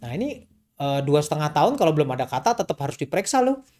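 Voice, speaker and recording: A man's voice: fairly high pitch, big pitch swings, rapid-fire, a little mellow. A man, a doctor, answering parents' questions in a casual, chatty way, often repeating a question back before he answers it. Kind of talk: casual explanatory Q&A talk.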